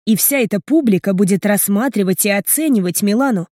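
A woman's voice: medium pitch, fairly quick, warm tone, dry recording, natural voice. Woman reading a jealous young brother, heated, pleading, dry voice, audiobook. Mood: agitated.

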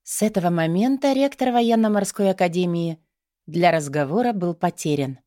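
A woman narrating a first-person romance audiobook in a measured, expressive voice. Her voice sits somewhat low, and the recording is dry and close with no room sound. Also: no room sound.

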